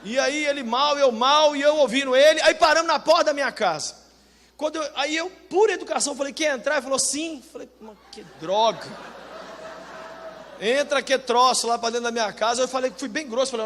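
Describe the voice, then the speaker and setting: Pastor de voz aguda, pregando em igreja. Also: male voice, very high voice, quick pace, long reverb tail. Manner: animated storytelling with humor, voicing other people; direct, colloquial preaching. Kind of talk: sermon.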